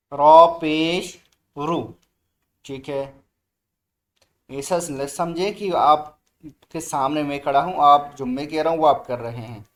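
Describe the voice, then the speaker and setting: A man teaching Quran reading in a recorded online lesson, drawing out each letter sound slowly and urging the learner to read aloud. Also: fairly high pitch. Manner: slow drawn-out letter drills, brisk asides to the student.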